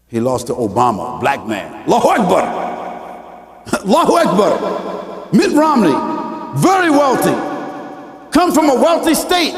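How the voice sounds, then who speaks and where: A man preaching a mosque lecture, peppering the audience with rhetorical questions and swinging between quiet asides and shouts, in casual vernacular speech. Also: sits high. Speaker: Islamic preacher. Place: large Islamic center hall. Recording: echoey hall from some distance.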